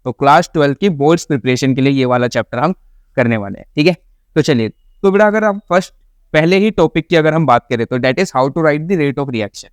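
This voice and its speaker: Smooth-voiced man teaching chemistry. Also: a little high, a little fast, dry recording, clean studio sound. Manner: explains patiently, mixes English terms into Hindi, calls students "beta". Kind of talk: exam-prep lesson.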